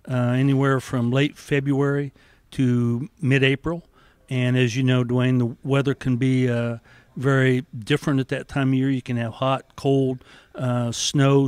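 A man talks through insect problems in steady, explanatory detail. The recording is dry, with the handheld mic close and little room sound. His pitch sits in a middle range for a man. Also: no room sound. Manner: explanatory, methodical. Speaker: university entomologist. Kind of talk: interview answers. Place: office with windows and plants, indoors. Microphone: handheld mic held by interviewer.

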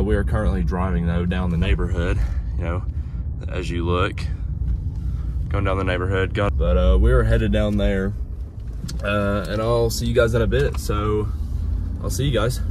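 A man's voice: fairly low pitch, background noise. A young man, vlogging casually from inside his pickup truck, rambling with lots of fillers. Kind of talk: casual vlog narration.

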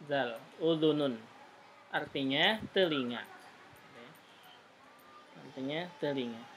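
In a fairly high, sharp voice with a bit of hiss or hum, a man runs an online Arabic class. He drills pronunciation patiently, tacking "gitu, ya" onto his sentences again and again.

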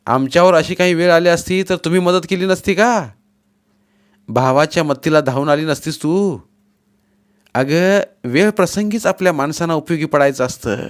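A man's voice: medium pitch, clear, resonant tone, voice pushed up, lightly acted. A male narrator voicing a generous brother who insists on helping his sister, in a raised, persuading voice.

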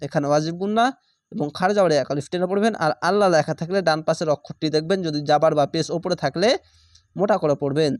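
A man's voice: on the high side, dry recording, studio quality. Man patiently spelling out recitation. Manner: slow, patient syllable-by-syllable spelling and drilling; repeats instructions to students. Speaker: Quran reading teacher.

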